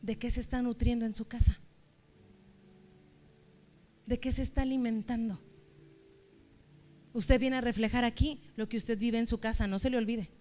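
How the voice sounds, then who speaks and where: A woman's voice: on the high side, steady tone, moderate pace, pauses often, darkish tone, a little hiss or hum. A woman church leader preaching a sermon, exhorting her listeners with strings of rhetorical questions.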